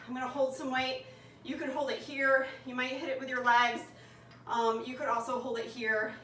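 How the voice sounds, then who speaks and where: A woman's voice: high voice, bright, forceful tone, echoey room, recorded from a distance, a little hiss or hum, low-quality recording. A woman leading a workout class, coaching and counting reps aloud while she exercises, winded and out of breath. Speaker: fitness instructor.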